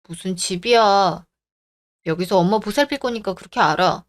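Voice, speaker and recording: A woman's voice: mid-range voice, normal speed, lightly acted. A woman playing a caring grown daughter in a radio drama, insistent and worried about her mother. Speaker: daughter and wife.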